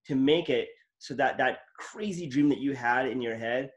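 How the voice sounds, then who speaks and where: A man's voice: medium pitch, moderate pace. A man hosting a casual interview, telling stories in an enthusiastic, rambling way. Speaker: podcast host.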